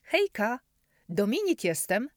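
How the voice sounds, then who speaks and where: A woman's voice: medium pitch, very animated, a little slow, no room sound, studio quality, pitched above the performer's own voice. A woman voicing a friendly, cheerful teenage farm boy in a storybook reading.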